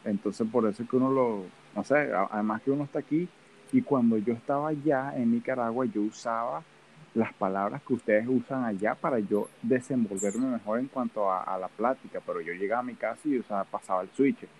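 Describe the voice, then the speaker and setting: A man's voice: medium pitch, brisk, a little hiss or hum, low-quality recording. Playful venezuelan guy, chatty podcast co-host. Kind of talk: casual chat.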